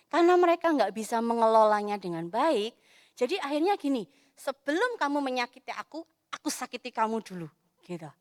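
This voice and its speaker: A woman's voice: high-pitched, dry recording, studio quality. A woman giving a casual youth sermon in church, acting out quoted voices as she talks. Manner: animated, acts out quoted voices. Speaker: youth preacher.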